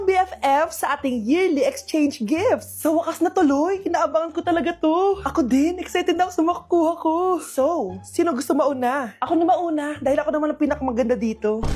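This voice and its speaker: A woman voicing catty young friends swapping gifts and trading teasing insults in a skit ad. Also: close to an everyday voice. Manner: teasing, mock-sweet, low and hushed. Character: catty young women friends at a gift swap.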